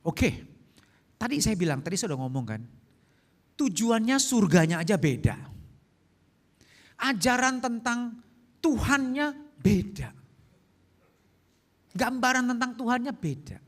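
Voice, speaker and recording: Male pastor, animated storyteller, wide swinging pitch, playful. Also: a little slow, pauses often. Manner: animated storyteller, acts out voices, jokes. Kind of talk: sermon Q&A with personal stories.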